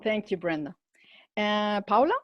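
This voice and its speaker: A woman's voice: mid-range voice, expressive, a little slow, dry recording, highs cut off. Woman moderating a webinar, dry sound. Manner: hesitant, many fillers. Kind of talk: online panel moderation. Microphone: video call.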